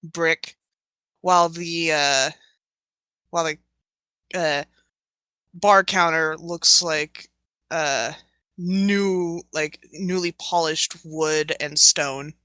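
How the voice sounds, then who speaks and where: A woman game master narrates the scene of a tabletop game. She talks slowly and hesitantly, full of fillers as she searches for words. Her tone is bright, and the recording is dry and close. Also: deep voice, fairly even intonation, smooth, no echo.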